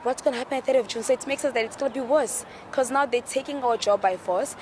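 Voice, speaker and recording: A young woman from the Democratic Republic of Congo speaks in an earnest, halting way and repeats phrases for emphasis. She is recorded outdoors in a city. Traffic noise runs clearly underneath her words. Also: fairly high pitch, darkish tone. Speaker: refugee interviewee. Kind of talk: personal testimony. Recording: outdoor street noise behind.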